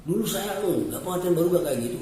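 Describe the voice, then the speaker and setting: A man voicing a fussy, nosy middle-aged village mother who talks high and fretful. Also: expressive, very fast, dark tone, a little hiss or hum. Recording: echoey room, voice from far off.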